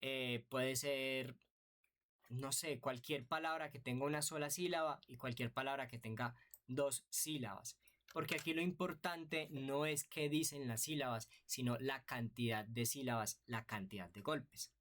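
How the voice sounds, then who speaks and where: A man's voice: mid-range voice, steady tone, unhurried, fairly bright tone. A man teaching an online music theory lesson, patient and explanatory, often checking in with rhetorical questions.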